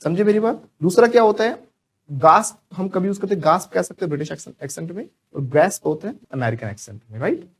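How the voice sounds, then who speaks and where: A man's voice: sits high, lively intonation, quick pace, breathy edge. A man teaching spoken English to a class, drilling students to repeat phrases after him.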